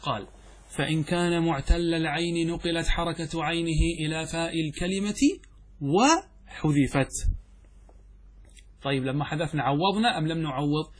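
Husky-voiced sheikh teaching grammar. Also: male voice, fairly high pitch. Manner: explains step by step, asking students questions and answering them himself; reads quotations from the text slowly and deliberately. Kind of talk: classroom lecture on morphology.

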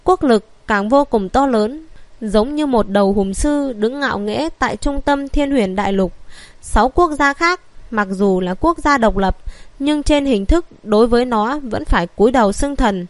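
A woman narrating a fantasy audiobook in an even, steady reading. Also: a little high, normal speed, no echo. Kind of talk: scripted narration.

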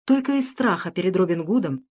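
A woman narrating an adventure storybook in a steady, measured way. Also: fairly low pitch, breathy edge.

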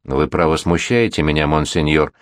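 A man's voice: a bass voice, moderate pace, no echo, studio quality, voice pushed down. A man voicing a rich middle-aged merchant who speaks deferentially to royalty.

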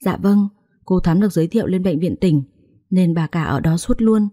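A worried, chatty young housemaid in a storybook drama, as a woman narrator puts her on. She passes on gossip in a low, mellow voice. Dry, close sound. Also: moderate pace, dry recording, close to an everyday voice.

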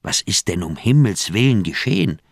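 An actor playing a flustered doctor in a radio play, fretful and exasperated. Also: male voice, lowish voice, big pitch swings, normal speed, creaky, husky, no room sound, studio quality, exaggerated voice. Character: anxious middle-aged male doctor, flustered friend.

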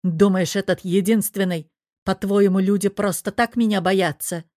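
A woman's voice: fairly low pitch, flat delivery, moderate pace, a little mellow, dry recording, studio quality, natural voice. A woman voicing a cold, menacing young male crime boss, speaking in clipped, curt phrases. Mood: angry.

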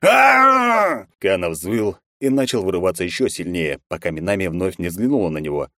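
A man narrating a first-person audiobook in expressive, lively storytelling. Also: deep voice, brisk, no echo, clean studio sound.

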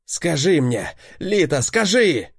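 An enraged young protector, voiced by a male narrator, roaring threats in a loud, slightly raised voice. He sounds desperate and wild, as if grief has turned to fury. The recording is dry and close. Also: medium pitch, normal speed, dry recording, pitched above the performer's own voice, natural voice. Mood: raging. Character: enraged wounded young man, fierce protector.

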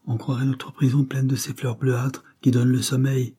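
A man voicing a calm, devoted young woman who speaks softly and with resignation. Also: mid-range voice, moderate pace, husky, voice pushed up, natural voice. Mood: resigned.

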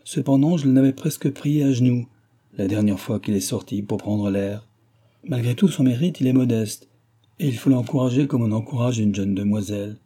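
A man's voice: medium pitch, moderate pace, mellow, natural voice. A man voicing a chattering, pushy middle-aged mother in an audiobook, talking in a gushing, overfamiliar, insistent way.

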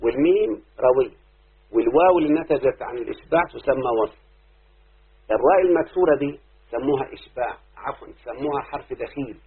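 Husky Egyptian sheikh on a tinny recording. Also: male voice, mid-range voice, animated, quick pace. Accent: Egyptian Arabic. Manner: keeps quizzing students with repeated questions. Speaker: sheikh teaching Arabic rhyme. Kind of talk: classroom lecture.

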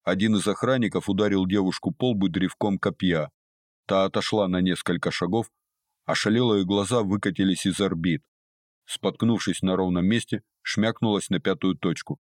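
A man with a very deep, low voice narrates a story in a steady, even manner. The recording is close and dry, with no room echo at all. He reads as a practised audiobook narrator. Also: normal speed. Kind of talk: scripted narration.

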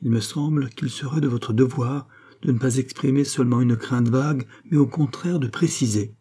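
A man's voice: mid-range voice, normal speed, dark tone, slightly rough, voice pushed up. A man voicing an insistent young nobleman. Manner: insistent, earnest. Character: proud, anxious young nobleman. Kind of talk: audiobook reading.

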